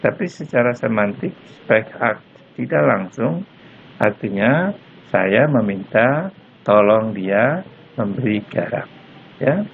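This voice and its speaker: A male university lecturer explaining patiently and slowly, tagging his points with "ya", recorded as a lecture on a phone or laptop mic. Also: mid-range voice, expressive, gravelly. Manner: slow, patient explaining with frequent "ya" tags. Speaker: German lecturer. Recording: lo-fi phone-like recording with faint noise.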